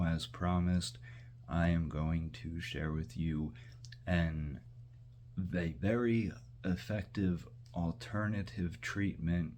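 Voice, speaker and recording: A vlogger cooks in his kitchen while talking casually to the camera in a rambling monologue, full of fillers and restarts. His voice is low-pitched and a little mellow, with slight background noise.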